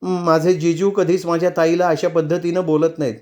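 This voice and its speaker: A man's voice: on the high side, level tone, moderate pace, warm tone, voice pushed up, natural voice. A tearful, quarrelsome young wife pleads and complains, as a male storyteller puts her on. Her lines come in a raised, plaintive voice. Heard in a novel being read aloud. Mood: reproachful. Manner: plaintive and reproachful.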